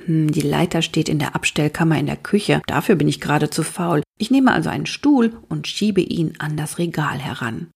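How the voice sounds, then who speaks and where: A woman narrating a children's story in the first person, lively and expressive. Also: sits low, moderate pace, creaky, hardly any pauses, slightly rough. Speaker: audiobook reader.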